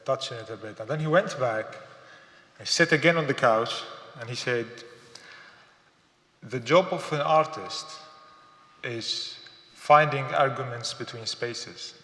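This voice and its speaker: Speaking at a gallery symposium, a man from Syria delivers an artist's talk in public-lecture form, pausing in thought, using fillers, and repeating words. His voice is ordinary in pitch and fairly bright, and a long reverb fills the spacious hall.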